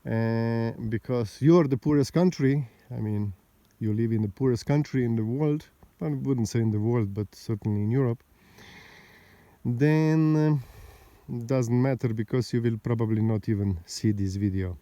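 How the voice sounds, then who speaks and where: A man's voice: mid-range voice, moderate pace, mellow, no echo. A vlogger from Slovenia, a man speaking English, talking outdoors to his viewers in a rambling, indignant, argumentative way. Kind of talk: casual monologue to camera. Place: outdoors overlooking a mountain valley road.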